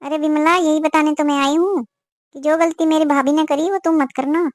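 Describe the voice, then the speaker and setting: A woman's voice: sits high, steady tone, normal speed, no echo, studio quality, natural voice. A woman voicing an older, meddling village auntie who gossips and gives warnings in a cartoon. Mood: chatty. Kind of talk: cartoon voice acting.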